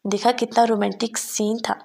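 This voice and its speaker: A woman's voice: a little high, little pitch movement, gravelly, darkish tone. A woman voicing a mischievous young man who plays pranks at a wedding. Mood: teasing. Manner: mischievous, scheming asides. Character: teasing young man, a playful prankster cousin.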